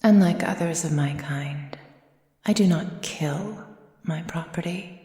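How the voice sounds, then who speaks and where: In a slow, intimate ASMR roleplay, a woman plays a vampire mistress, her warm voice very low and unhurried, possessive and condescending. She sounds cold and exasperated, speaking in a silky, measured, formal way and often slipping into breathy half-whispers. The room is echoey, with long reverb.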